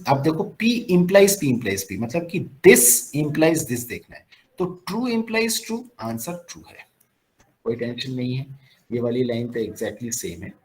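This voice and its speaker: A man's voice: medium pitch, poor audio. A man teaching logic in a classroom-style lecture, asking questions and answering them himself. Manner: lively, asks questions and answers them himself, mixes in English phrases. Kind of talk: classroom lecture on a recorded screen.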